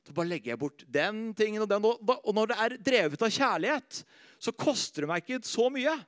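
High-voiced, lively male preacher. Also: no echo, clean studio sound. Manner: animated storytelling, laughs at himself, drops soft and slow on faith lines. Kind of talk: sermon with personal stories.

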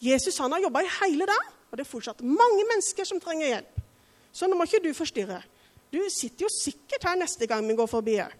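A woman's voice: sits high, sing-song, pitched above the performer's own voice. A woman voicing a pushy, overprotective grown male disciple who scolds urgently. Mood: scolding.

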